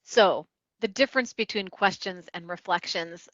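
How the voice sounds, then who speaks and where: A woman wellness coach teaches a coaching technique in an explanatory lesson, now and then voicing what a client might say. Her voice is bright and forward. The recording is dry, with a slightly muffled, dull tone. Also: on the low side, normal speed, dry recording. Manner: warm explanatory teaching, acts out client quotes. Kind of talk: instructional talk.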